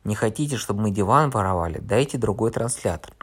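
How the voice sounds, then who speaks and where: A man voicing a big, rude young male wizard who talks in a gruff, surly, dismissive way. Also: on the low side, animated, fast. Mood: sullen.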